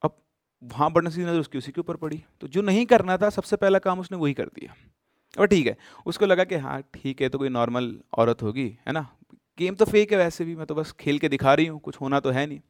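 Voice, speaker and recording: A man casually telling a horror story, with emphatic bursts and sudden hushed drops. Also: on the high side, fairly quick, dry recording, studio quality.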